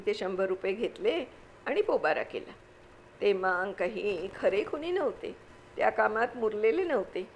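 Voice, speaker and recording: A woman reading a classic novel aloud with measured, expressive storytelling. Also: medium pitch, creaky, a little hiss or hum, low-quality recording. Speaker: narrator.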